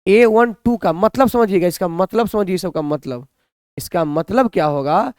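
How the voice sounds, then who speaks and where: A man's voice: high voice, normal speed, darkish tone, clean tone, no room sound, clean studio sound. Man teaching maths. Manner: repeats questions to students and answers them himself. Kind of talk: blackboard maths lesson.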